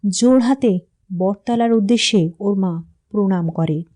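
A woman narrating a classic short story in a calm, even reading voice. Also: mid-range voice, a little slow.

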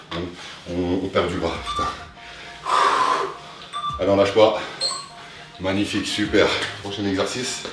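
A young adult fitness coach with a low voice exercises along as he coaches, cheering on with short, upbeat instructions. The setting is an indoor living room. The recording has heavy echo and a distant mic, with clear music playing behind.

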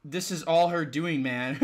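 A man recording let's play commentary, excitable and swearing, yelling at jump scares. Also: on the high side, takes it slowly. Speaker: gaming channel host.

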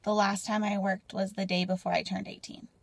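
Young mom vlogger in her twenties, husky and gravelly, close dry sound in a car, candid and rambling. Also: mid-range voice, little pitch movement, a little fast, no echo. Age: 20s. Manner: candid and rambling, drops to soft near-whispers. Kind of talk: casual personal vlog. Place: parked car, indoors. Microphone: phone camera at arm's length.

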